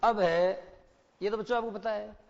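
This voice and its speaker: A male English teacher with an Indian accent lectures a class in a high, gravelly voice at normal speed with fairly even intonation, explaining step by step and often quizzing students. It was recorded through a satellite broadcast studio mic and sounds dull and lo-fi, with long hall reverb.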